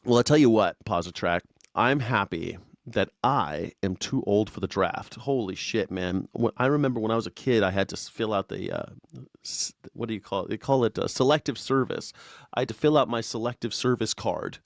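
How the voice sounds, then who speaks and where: A man's voice: lowish voice, moderate pace, no room sound. Man, 40s, live stream host, sarcastic and profane, loose rambling delivery, dry close sound. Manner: sarcastic, profane and rambling, reads chat comments aloud. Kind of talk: casual political comedy rant.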